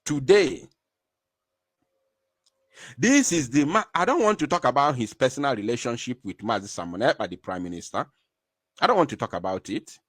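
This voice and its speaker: Animated man doing live commentary. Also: fast, no echo, studio quality. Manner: emphatic, excitable, animated swings in pitch and loudness. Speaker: online news show host.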